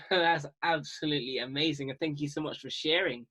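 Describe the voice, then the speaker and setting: A man's voice: fairly high pitch, fairly even intonation, a little fast, bright, forceful tone. A man hosting an interview podcast, who welcomes his guest politely and encourages him to share. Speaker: podcast host.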